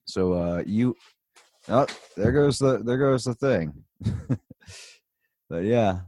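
A man's voice: on the low side, slow, warm tone, a little hiss or hum. A man hosting a live show in casual chat, rambling along with easygoing asides. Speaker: host.

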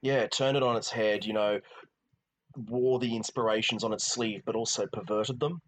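A man's voice: lowish voice, fairly even intonation, moderate pace, rough recording. A man co-hosting a film podcast, talking casually and rambling, with many restarts and "you know"s. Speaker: podcast co-host. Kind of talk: casual film review chat.

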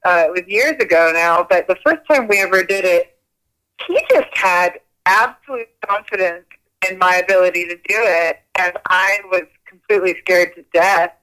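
A woman's voice: lowish voice, normal speed, pushed and bright, rough recording. A woman on a speakerphone call, a guest yoga teacher chatting in an interview, talking freely with frequent restarts and small laughs. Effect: heard over a speakerphone call. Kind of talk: casual interview chat.

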